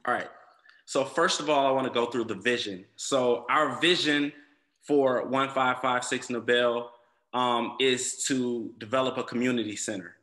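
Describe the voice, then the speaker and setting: Guy from atlanta pitching his project, bright voice, lots of ums. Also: fairly even intonation, moderate pace. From Southwest Atlanta, USA. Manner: earnest, with frequent ums and repeated words. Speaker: applicant presenting to a zoning commission. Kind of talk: prepared presentation.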